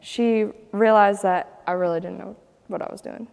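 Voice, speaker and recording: A woman's voice: mid-range voice, fairly even intonation, moderate pace, creaky, darkish tone. Chatty young woman in a reverberant room. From Ohio. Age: young adult. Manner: chatty, laughs often, acts out others' lines. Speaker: guest telling her story. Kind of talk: casual personal storytelling.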